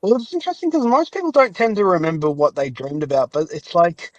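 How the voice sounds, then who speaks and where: A man with a high voice hosts a casual podcast interview, talking fast and chatting freely, often echoing and rephrasing his guest's answers. The audio is dull.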